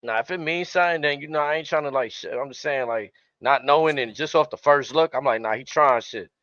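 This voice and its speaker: A man's voice: fairly high pitch, fast, fairly bright tone, no room sound, dull audio. A man co-hosting a live stream, talking wrestling in a blunt, profane, joking way. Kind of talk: casual wrestling chat.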